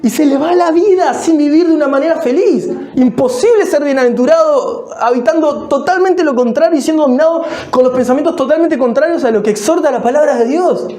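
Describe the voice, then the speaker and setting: Emphatic Rioplatense pastor preaching in an echoey church. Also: male voice, very high voice, fairly quick, hardly any pauses, a little mellow. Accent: Rioplatense Spanish. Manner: emphatic, repetitive, asks the congregation rhetorical questions. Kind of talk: sermon. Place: church sanctuary.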